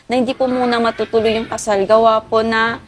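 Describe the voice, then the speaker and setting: A woman's voice: fairly high pitch, flat delivery, brisk, slight background noise. A woman being interviewed, politely recounting a painful story while close to tears. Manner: polite, addresses interviewer as ma'am. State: emotional, near tears. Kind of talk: tearful personal account.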